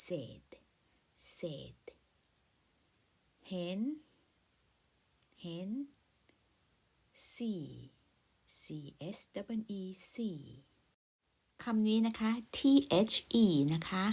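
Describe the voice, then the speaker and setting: A woman leads a beginner vocabulary lesson at an unhurried, deliberate pace. She says each word several times and spells it out letter by letter, with a polite, soft-spoken delivery and a pitch in the middle of the range. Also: animated, breathy edge. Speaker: English teacher.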